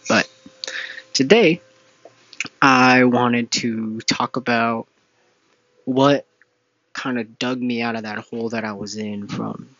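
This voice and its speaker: A man's voice: medium pitch, fairly bright tone, no room sound, lo-fi sound. A young man hosting a casual solo podcast, rambling with many fillers and restarts. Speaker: podcast host.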